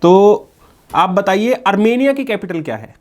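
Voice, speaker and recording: A man's voice: high voice, animated, moderate pace, a little mellow, slight background noise. A male local news reporter marvelling aloud as he quizzes children and talks to their mother. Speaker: news reporter interviewing a family.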